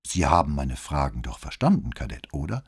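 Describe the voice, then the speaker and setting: A man reading an audiobook, voicing a calm, ironic and courteous police commissioner. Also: very deep voice, fairly quick, vocal fry, slightly rough, heavily acted.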